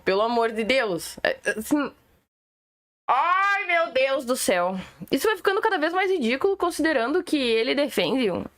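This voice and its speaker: A woman with a Gaúcho accent from southern Brazil, ranting sarcastically and opinionatedly as a political commentator on a live stream. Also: high-pitched. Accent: Gaúcho Brazilian Portuguese. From Rio Grande do Sul, Brazil. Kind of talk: casual livestream rant.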